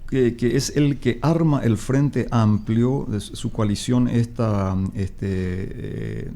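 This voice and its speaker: A man's voice: mid-range voice, lively intonation, slow, vocal fry, mellow. A man, a guest explaining his views emphatically in a radio interview, with many hesitations. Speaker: political commentator guest.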